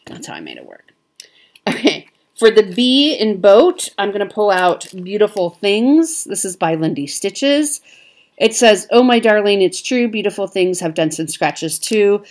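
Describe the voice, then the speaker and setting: Woman, Midwestern accent, casual vlog chat, frequent ums, mid pitch. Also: animated, a little slow, darkish tone. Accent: Midwestern American. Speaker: cross-stitch vlogger. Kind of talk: casual show-and-tell chat.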